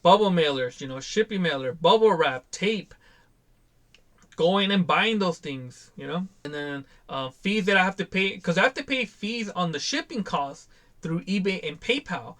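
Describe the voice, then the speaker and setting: A man's voice: high voice, lively intonation, moderate pace, a bit bright. Exasperated man ranting about buyers. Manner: exasperated, acts out buyers in quoted voices. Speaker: toy seller and channel host. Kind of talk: casual vlog rant.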